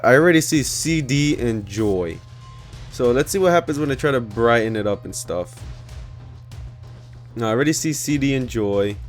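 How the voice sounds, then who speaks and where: Guy doing chill screen recording commentary, kinda rambly, average pitch, music playing behind him. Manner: rambling, informal, thinking out loud. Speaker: gaming video creator. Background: background music.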